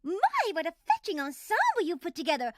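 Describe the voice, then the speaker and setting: A woman's voice: very high voice, huge pitch swings, brisk, no room sound, studio quality, exaggerated voice. A woman voicing a refined, dramatic unicorn fashion designer in a cartoon, with posh, theatrical diction. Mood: charming. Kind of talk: cartoon voice acting.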